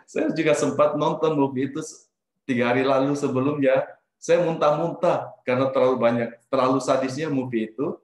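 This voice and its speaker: A middle-aged man from Indonesia telling a personal life story in an animated, casual way, slipping in English phrases. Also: medium pitch, brisk. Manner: animated, mixes in English phrases, trails off and restarts. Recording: roomy echo.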